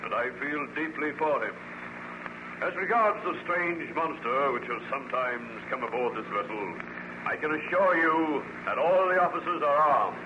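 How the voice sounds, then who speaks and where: An actor playing a resolute, commanding ship captain with formal, declamatory authority in an old-time radio drama. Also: male voice, a little high, muffled recording. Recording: noisy old radio serial recording.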